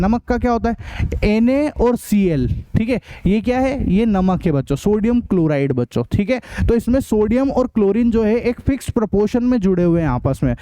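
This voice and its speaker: A man's voice: high voice, mellow, no room sound. A man teaching a school science lesson, explaining step by step, repeating key points, asking questions and answering them himself, and checking in with his students. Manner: calls the listeners children, keeps checking with "ठीक है". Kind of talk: classroom lecture to students.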